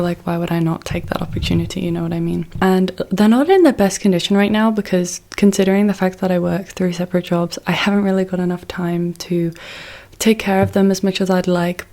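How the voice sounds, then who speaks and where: A woman's voice: lowish voice, dark tone. A woman chatting casually as a vlogger about her own things, recorded in a large, echoey room. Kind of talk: casual chatty plant collection vlog.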